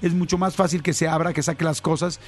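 High-voiced man giving advice. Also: level tone, fast. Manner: conversational, addresses listeners directly with frequent tag questions. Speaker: parenting advice speaker. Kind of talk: casual advice talk.

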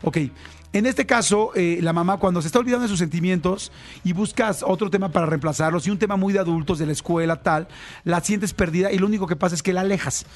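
A man's voice: high-pitched, quick pace. A man giving casual parenting advice, talking conversationally and addressing listeners directly.

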